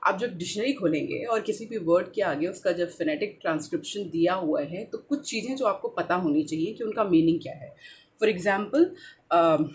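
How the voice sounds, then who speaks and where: A woman's voice: on the low side, a little mellow, a little hiss or hum. Indian woman teacher, code-switching. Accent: Indian English. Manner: slow, drawn-out modelling of example words. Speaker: English teacher. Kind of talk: explaining to camera.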